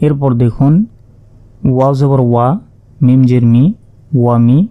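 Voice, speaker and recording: A man teaching Quran reading, spelling out Arabic syllables patiently and chanting each word slowly. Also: mid-range voice, little pitch movement, smooth, no room sound, lo-fi sound. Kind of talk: spelling out Arabic letter by letter, slow recitation lesson.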